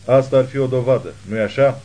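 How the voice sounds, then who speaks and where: A man voicing a wounded, defiant gunman who shouts taunts at hidden pursuers in an audiobook. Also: mid-range voice, natural voice. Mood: defiant taunting. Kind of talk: audiobook character reading.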